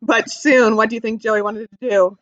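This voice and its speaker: Speaking at a normal speed in a somewhat high voice, a woman brings a picture book to life for young kids, asking them questions and explaining things plainly. The audio is lo-fi and has no echo.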